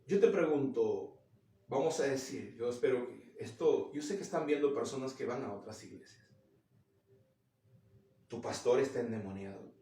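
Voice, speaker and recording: A man's voice: mid-range voice, moderate pace, pauses often, dark tone. A male pastor preaching a sermon, retelling a story and asking the congregation earnest, direct questions. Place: church. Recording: roomy echo, mic at a distance.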